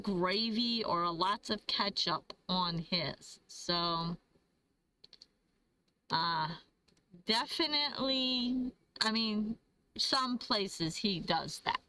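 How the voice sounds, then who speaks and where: A livestream host from Michigan, USA, chats casually during a trivia livestream, laughing often and reading viewer comments aloud. Her mid-range voice is bright, she talks slowly, and the recording is low quality.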